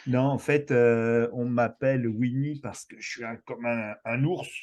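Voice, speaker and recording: A man's voice: mid-range voice, fairly even intonation, a little slow, muffled recording, crowd noise. A man from France, a guest on a podcast, talking enthusiastically but hesitantly, with many fillers and restarts. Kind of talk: casual podcast chat.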